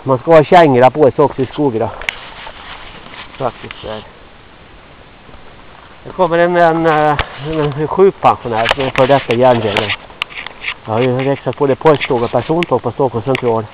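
A man's voice: mid-range voice, pauses often, background noise. Rambling older man out in the forest. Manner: rambles to himself, chatty and gruff. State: sweaty, a bit out of breath. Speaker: vlogger. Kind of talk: rambling walk-and-talk monologue. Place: outdoors in a forest. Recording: dull lo-fi outdoor recording.

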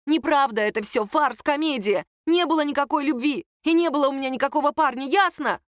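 A woman reading a story voices Lera, a bitter, defiant young woman shouting in heated outbursts. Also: mid-range voice, a little fast, no echo, studio quality, natural voice.

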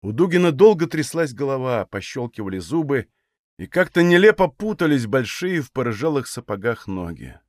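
A man's voice: mid-range voice, big pitch swings, normal speed, no echo, clean studio sound. Man reading a novel expressively. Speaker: audiobook reader. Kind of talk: expressive literary narration.

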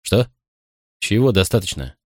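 An audiobook reader voicing a gentle, bewildered grown man who earnestly insists he doesn't know the answers. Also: fairly low pitch, sing-song, unhurried, no room sound, studio quality. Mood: puzzled.

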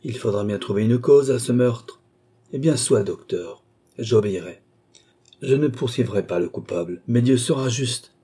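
A man's voice: medium pitch, normal speed, mellow, slightly rough, close to an everyday voice. A man voicing a proud, vengeful young nobleman in a novel reading, speaking with vehement indignation. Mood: resigned. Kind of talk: audiobook character voice.

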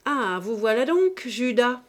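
A woman voicing an angry middle-aged male financier who shouts in an audiobook reading. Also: a little high, sing-song, moderate pace, pitched above the performer's own voice. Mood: furious. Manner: shouting, explosive. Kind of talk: audiobook character voice.

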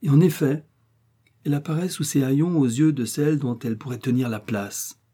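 A man giving an expressive, emphatic audiobook reading of a literary essay. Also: medium pitch, brisk, breathy edge. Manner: emphatic, swelling rhetorical delivery. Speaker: reader.

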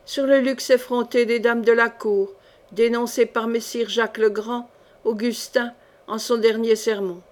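A woman's voice: on the high side, fairly even intonation, measured pace, natural voice. A woman voicing a solemn royal herald who gives a ceremonious, formal summons in an audiobook.

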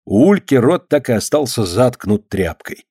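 A man reading scripted narration of a story in a steady, even storytelling manner. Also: mid-range voice, normal speed, husky, dry recording, clean studio sound. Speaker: audiobook reader.

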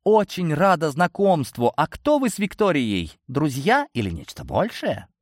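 A man voicing an excitable, pushy young woman who plays matchmaker, in a gushing raised voice. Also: measured pace, no echo, clean studio sound, heavily acted. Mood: eager. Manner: gushing, high-pitched, bubbly. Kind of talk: audiobook reading.

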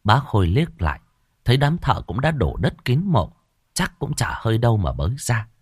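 A man's voice: medium pitch, big pitch swings, normal speed, slightly rough, no room sound, studio quality. A man reading a scripted audiobook story in a dramatic storytelling manner, shifting into character voices.

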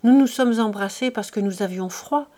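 A woman reading the part of an anxious, tender young man in love in an audiobook, gentle in manner. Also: a little high, moderate pace, natural voice.

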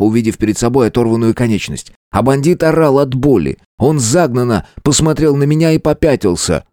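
A man narrating a first-person adventure audiobook in a steady, measured way. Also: medium pitch, no echo, studio quality.

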